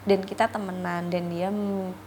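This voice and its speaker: A young woman guest in a casual interview, telling a personal story in an animated way and acting out the voices of the people she quotes. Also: normal speed, slight background noise. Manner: animated, acts out quoted voices with big pitch jumps.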